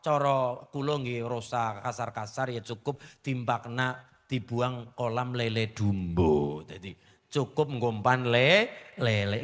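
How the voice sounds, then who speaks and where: A man preaching a village sermon, lively, asking the crowd questions and joking. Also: mid-range voice, long reverb tail. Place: religious gathering in a village.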